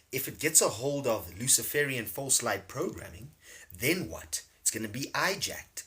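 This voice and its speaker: A man teaching casually on a livestream, animated, repeating words and laughing often. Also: mid-range voice. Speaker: spiritual teacher streaming live. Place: home livestream setup.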